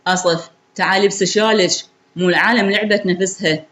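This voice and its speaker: A woman's voice: medium pitch, fairly even intonation, brisk, fairly bright tone, natural voice. Harsh mean husband in an iraqi storybook, scornful and bossy, a woman reading him. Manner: scornful, barking orders. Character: harsh cruel young husband.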